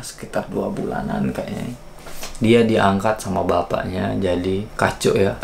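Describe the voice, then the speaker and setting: A man casually tells a personal story, confiding in the viewer. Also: fairly low pitch. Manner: chatty, confiding, talks straight to the viewer. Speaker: vlogger. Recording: echoey room, faint noise.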